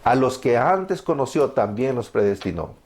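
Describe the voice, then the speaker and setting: In a very animated evangelical testimony sermon, a man in his thirties from El Salvador, with a Salvadoran Spanish accent, preaches fervently and answers his own questions. He speaks at medium pitch and a moderate pace, with a darkish tone.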